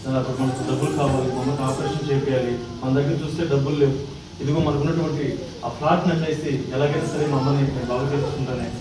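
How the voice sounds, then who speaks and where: A man's voice: medium pitch, fairly even intonation, rapid-fire, close to an everyday voice. A man acting a devoted son in a church drama skit, declaiming with emotion, recorded from far off in an echoey, noisy hall. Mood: resolute. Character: devoted son, pleading then outraged.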